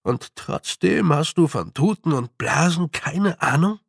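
A tiny, tough fairy clan chief, as a man puts him on speaks with nervous deference. The delivery is very slow and gravelly. The sound is close and dry. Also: fairly high pitch, animated, no echo, pitched above the performer's own voice, full character voice. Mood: astonished.

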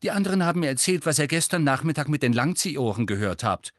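Hermine: a man doing a brisk, bossy teenage girl. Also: fairly high pitch, sing-song, no room sound, studio quality, pitched above the performer's own voice. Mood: sharp. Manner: brisk, sharp, lecturing.

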